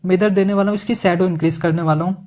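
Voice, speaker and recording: A man giving a casual, joking software tutorial, mixing English words into his Hindi as he works. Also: sits high, fairly even intonation, racing. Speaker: animation tutorial instructor.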